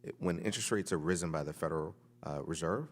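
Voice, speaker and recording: A man testifying as a witness at a hearing, giving rapid answers full of figures. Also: sits low, big-room sound.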